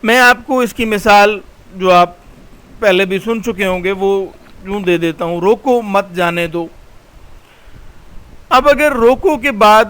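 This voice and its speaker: A male college lecturer explaining grammar over slides in a patient, explanatory way, slowing down and repeating key terms. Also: high voice, a bit bright, clean tone, poor audio.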